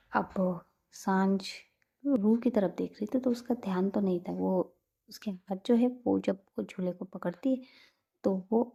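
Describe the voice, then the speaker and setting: A woman narrating a romantic story in a soft, half-whispered storytelling manner. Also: mid-range voice, gravelly, husky, dull audio.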